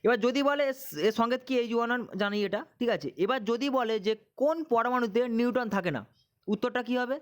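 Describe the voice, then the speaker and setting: Man, teacher, very high pitch, question-and-answer drilling, exam-prep lesson. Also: fast.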